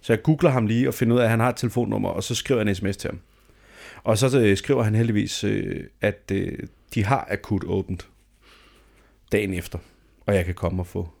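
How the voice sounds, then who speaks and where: A man's voice: lowish voice, fairly even intonation, vocal fry, a little mellow. A man in his thirties telling a dramatic, self-mocking story in a casual chat, swearing freely.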